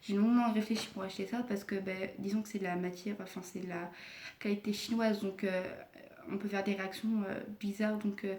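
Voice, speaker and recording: A woman's voice: medium pitch, steady tone, brisk, a little mellow. A young woman vlogger casually unboxing her purchases, talking hesitantly with many fillers and apologies. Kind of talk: casual unboxing haul video. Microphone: camera mic. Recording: echoey room with clear background noise.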